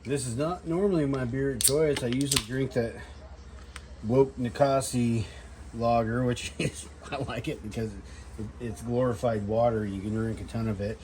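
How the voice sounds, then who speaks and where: A man's voice: medium pitch, steady tone, moderate pace, noisy background. A man chatting casually as an outdoor vlogger while he works, a bit tipsy and loose, self-deprecating and salty-tongued. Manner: tipsy, loose drinking talk. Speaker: outdoor vlogger demonstrating fire starting. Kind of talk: casual rambling chat while doing a task.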